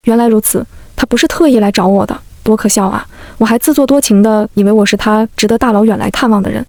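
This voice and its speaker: A woman reads a first-person story aloud at a brisk, steady clip. Her voice sits slightly high. The sound is close and dry, with no room around it. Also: dry recording. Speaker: story narrator.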